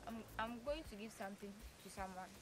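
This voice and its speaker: A woman's voice: mid-range voice, fast talker, lightly acted. Young woman acting as an injured woman, super polite, says please all the time, noisy background. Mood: hurt. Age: young adult. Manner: soft, polite pleading, says please constantly. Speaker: actor in a short film. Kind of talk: short-film drama acting. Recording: noisy outdoor recording. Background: clear background noise.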